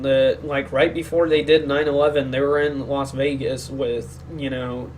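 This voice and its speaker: A sick man co-hosts a podcast, talking more quietly than usual in a medium-pitched voice. He rambles through a casual, opinionated discussion and often gropes for words. The recording is rough, with a little hiss or hum.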